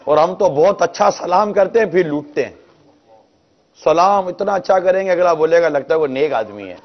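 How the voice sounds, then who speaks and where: A man gives a religious talk to a congregation in a mosque, often asking them rhetorical questions. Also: a little high. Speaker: preacher. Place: mosque hall. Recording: dull, lo-fi recording.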